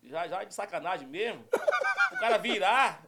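A middle-aged man tells stories in a relaxed chat, his fairly high voice rising and falling across a wide range. He is animated and laughs often as he talks. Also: moderate pace, heavy background noise. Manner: animated storytelling with frequent laughter. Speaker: guest storyteller. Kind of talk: casual chat.

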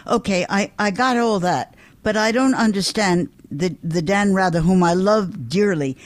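A man's voice: high voice, unhurried, dry recording. A man hosting an interview, asking questions in a playful, teasing and affectionate way. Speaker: interview host. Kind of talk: casual interview conversation.

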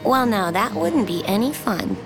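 Over music, a woman plays a warm, flirtatious, persistent waitress at a diner in a naturalistic audio drama, coaxing in a folksy manner. Her mid-range voice swings widely in pitch at a normal speed.

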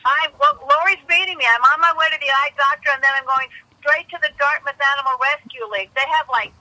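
A woman's voice: high-pitched, fast talker, bright, forceful tone, no room sound, low-quality recording. An older woman talking over a phone on speaker, chatty and rambling as she calls her grown daughter. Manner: chatty, rambling, repeats herself. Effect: heard over a phone on speaker. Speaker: host's mother calling in. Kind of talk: casual phone chat.

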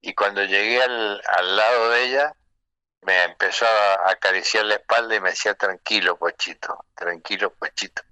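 Lively Argentine man telling stories. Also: on the low side, normal speed, clear, resonant tone, dry recording, rough recording. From Mendoza, Argentina. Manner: animated anecdotes, acts out quoted voices. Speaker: interview guest, singer. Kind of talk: storytelling in a radio interview.

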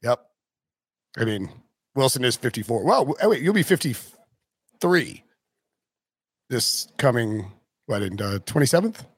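A man's voice: medium pitch, very animated, measured pace, long pauses, slightly rough, dry recording, clean studio sound. A man in his forties hosting a casual sports podcast, joking and teasing his co-host. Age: 40s.

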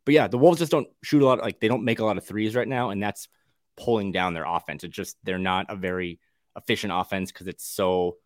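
Man, lowish voice, co-host, casual sports chat, wry, quick restarts, dry close recording. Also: fairly even intonation, dry recording.

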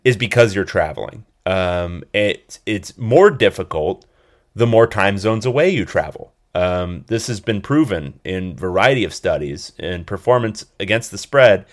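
A man's voice: low voice, lively intonation, measured pace. A man co-hosting a casual sports podcast, chatty and analytical, hedging his points. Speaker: podcast co-host.

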